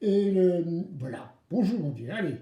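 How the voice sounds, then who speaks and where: An animated children's craft presenter with a mellow voice that swings widely in pitch. They talk straight to the kids in a playful, theatrical way, asking them to answer back. The room adds a noticeable echo. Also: unhurried, dull audio. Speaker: presenter of a children's DIY video series. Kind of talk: children's craft tutorial, addressing kids directly. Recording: roomy, echoing indoor sound.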